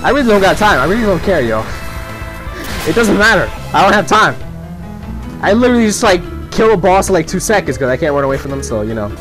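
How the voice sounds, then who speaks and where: Over music and a rough recording, a man talks fast in a high, sing-song voice while playing a video game. His off-the-cuff commentary is rambling, casual and profane, and he laughs often.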